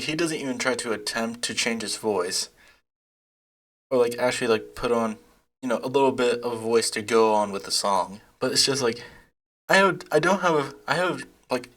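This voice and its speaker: Male commentator, mid-pitched, loose and scoffing, laughs through his takes. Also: fairly bright tone. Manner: rambling, mocking, laughs often. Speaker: YouTube commentator. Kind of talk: casual reaction commentary.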